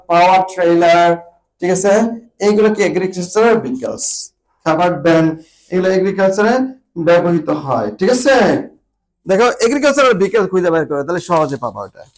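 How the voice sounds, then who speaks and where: A man's voice: high-pitched, animated, fairly quick, low-quality recording. A man from Bangladesh teaching an IELTS reading class, asking his students the same short questions again and again. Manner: drills students with repeated questions. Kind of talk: classroom lesson.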